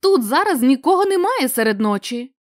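A woman's voice: sits high, sing-song, moderate pace, dry recording, studio quality, voice pushed up. Woman voicing a nervous, grumbling young man. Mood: exasperated. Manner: exasperated, muttering.

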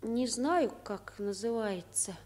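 A high-pitched, slow-talking schoolboy in a children's radio play. He is sheepish and evasive, with a hesitant, plaintive delivery. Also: lively intonation, a little mellow. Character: weak-willed schoolboy truant, sheepish and evasive. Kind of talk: children's radio drama acting.

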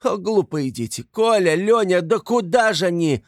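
A shrill, frantic woman in desperate hysterics, as a male reader puts her on, her voice leaping high and loud. She scolds and wails in turn. The recording is dry and close. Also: unhurried, vocal fry, no room sound. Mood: hysterical.

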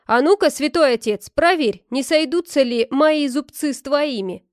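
A woman's voice: high voice, animated, moderate pace, dry recording, studio quality. Bold tall outlaw archer, voiced by a woman: cocky, teasing, storybook reading.

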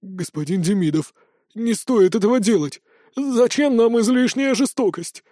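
A man's voice: high-pitched, moderate pace, warm tone, no room sound, clean studio sound, pitched above the performer's own voice. A man voicing a frightened male villain, a lord of beetles, who pleads and begs in an audiobook. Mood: begging. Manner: pleading, panicky. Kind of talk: audiobook character voice.

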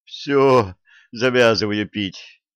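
A man's voice: lowish voice, expressive, moderate pace, fairly bright tone, dry recording. A man voicing a cheeky, brash young male royal gossip. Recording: dull lo-fi dry recording.

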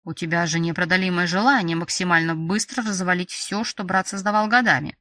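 A woman's voice: lowish voice, steady tone, fairly quick, bright, forceful tone, dry recording, distant mic. A woman voicing an irritable, hot-tempered male employee who grumbles and snaps, in an audiobook. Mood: stern. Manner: grumbling, snappy.

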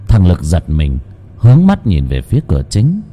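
A man narrates a ghost story with dramatic suspense. His voice is low, dark and husky. The pitch swings widely to build tension. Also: wildly swooping pitch, moderate pace, faint music behind. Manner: dramatic, suspenseful, wide-ranging delivery.

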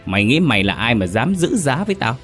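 A man's voice: mid-range voice, sing-song, fast talker, a bit bright, faint music behind, voice pushed up. A man playing a brutal older village chief who growls and snarls his threats. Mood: menacing.

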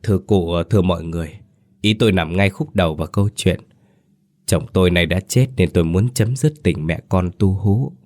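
A man voicing a sharp-tongued, scheming middle-aged village matriarch who scolds and speaks theatrically. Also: low-pitched, a little fast, natural voice.

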